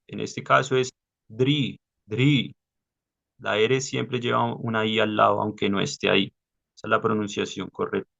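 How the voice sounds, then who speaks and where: A man leading a study class over a video call, explaining patiently step by step with many pauses. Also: lowish voice, vocal fry, fairly bright tone, dull audio. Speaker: study group leader.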